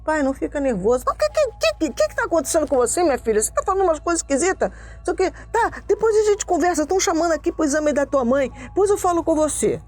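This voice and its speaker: A woman quoting her father as he fires off rapid, agitated, stammering questions. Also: sits high, lively intonation, dark tone, pitched above the performer's own voice. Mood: flustered. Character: flustered father on the phone.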